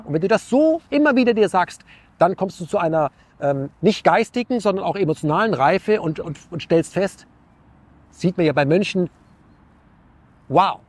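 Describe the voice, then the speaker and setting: A man's voice: a little high, a little mellow. A man, an interview guest musing about life in an earnest, searching way, full of rhetorical questions and restarts. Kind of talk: reflective philosophical talk.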